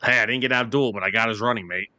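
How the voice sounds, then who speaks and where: A man's voice: on the low side, rapid-fire, sharp tone, no echo. A man hosting a casual sports talk radio show, joking and rambling through his takes and sign-off.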